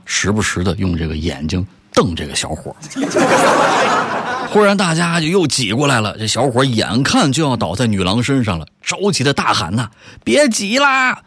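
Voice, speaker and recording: A man's voice: lowish voice, a little fast, slight background noise. A male host telling short jokes, laughing along and acting out each character. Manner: lively storyteller who laughs at his own jokes and acts out characters. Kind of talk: joke-telling comedy segment.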